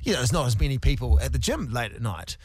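A man's voice: mid-range voice, very animated, fast, a little mellow, husky, no room sound, clean studio sound. A male radio co-host with a New Zealand accent, bantering casually in a hesitant, self-deprecating way.

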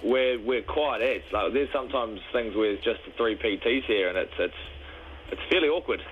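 A New Zealand man in a casual phone chat, as staff answering a call. His voice is medium in pitch, heard over a telephone with faint noise behind it. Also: normal speed, phone-quality sound. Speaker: gym staffer taking a call.

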